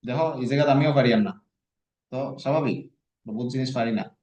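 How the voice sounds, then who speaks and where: A man's voice: medium pitch, fairly quick, a little mellow. A man teaching an online lesson, patiently coaxing his student and breaking words into syllables.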